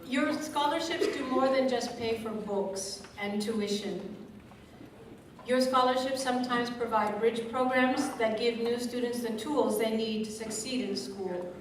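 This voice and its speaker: A woman emcees a scholarship evening, projecting a big, fairly high voice in an unhurried public speech read from a script with occasional asides. Her stage mic is kept at a distance and she often speaks away from it, so the recording has an echoey room, crowd ambience and background noise.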